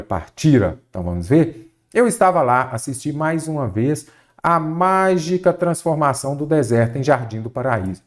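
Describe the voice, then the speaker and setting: A man's voice: lowish voice, dark tone. A man with a Brazilian Portuguese accent teaching grammar for exam prep, explaining step by step and often asking rhetorical questions.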